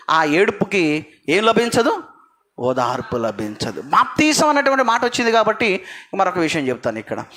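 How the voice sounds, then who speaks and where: A man's voice: very high-pitched, bright, forceful tone. A man preaching a sermon to a congregation, asking them questions and repeating phrases for emphasis.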